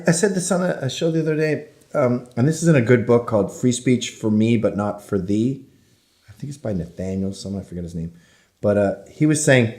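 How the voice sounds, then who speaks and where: A man's voice: fairly low pitch, darkish tone. A man speaking bluntly and animatedly as an interview guest, often acting out other people in mock voices. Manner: blunt and provocative. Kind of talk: casual interview talk.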